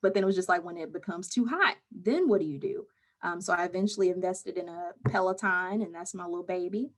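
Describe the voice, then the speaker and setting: Low-voiced woman therapist, calm. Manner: calm, measured explaining. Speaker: mental health counselor, guest. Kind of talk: conversational interview answers.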